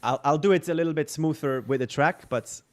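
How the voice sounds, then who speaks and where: A man's voice: a little high, a little fast, over loud music. A man talking casually while he works on a musical arrangement in a session. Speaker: musician arranging parts live. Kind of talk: casual studio talk.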